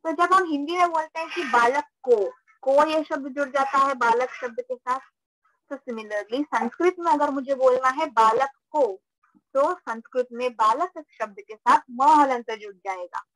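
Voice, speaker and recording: A woman's voice: high-pitched, normal speed, fairly bright tone, slight background noise, low-quality recording. A woman teaching a live online class, patiently repeating points and checking that students follow. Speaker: Sanskrit teacher.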